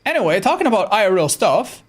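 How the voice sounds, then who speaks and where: A man with a high, slightly raspy voice chats loosely with his stream chat while he plays. He is animated and swears freely. A faint ambient hiss sits under the voice. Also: fast talker. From Andorra. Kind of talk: casual live-stream chat.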